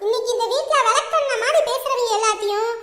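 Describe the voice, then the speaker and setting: A woman playing a sharp-tongued, scheming young woman who taunts and quarrels with her family. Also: extremely high pitch, fast. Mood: taunting. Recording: echoey room, faint noise.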